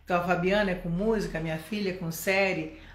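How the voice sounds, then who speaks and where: A woman's voice: on the low side, fairly even intonation, fast. A middle-aged Brazilian woman teaching English in a live online lesson, chatty and coaxing, often asking the viewer questions. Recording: roomy echo.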